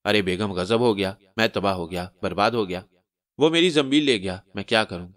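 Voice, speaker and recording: A man voicing a skinny, panicky male trickster who shouts in flustered bursts. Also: fairly low pitch, fairly quick, dry recording, studio quality, natural voice.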